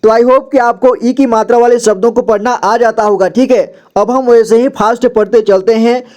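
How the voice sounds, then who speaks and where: Man teaching reading, high voice, mellow tone, says every word twice, spells out syllables. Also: steady tone, normal speed. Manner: patient, explanatory. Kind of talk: slow reading lesson, word by word.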